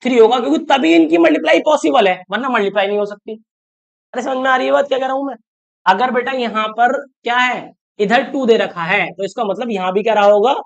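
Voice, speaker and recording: Speaking fast in a very high-pitched voice with vocal fry, a math teacher leads an online lecture. He talks through the steps and counts terms aloud, repeatedly checking that students follow and encouraging questions.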